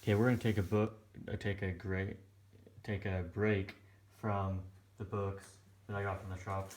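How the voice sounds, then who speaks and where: A young man giving casual vlog narration in a quiet but clear, subdued voice, hesitant and a little tired. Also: lowish voice, level tone, normal speed, slight background noise. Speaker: comic collector presenting his purchases. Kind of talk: casual vlog narration over close-up shots of items. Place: small indoor room at home.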